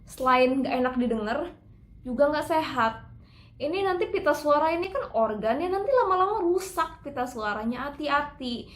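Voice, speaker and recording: A woman's voice: high-pitched, expressive, normal speed, reverberant. A woman teaching singing in a casual, chatty way, breaking into operatic phrases to demonstrate.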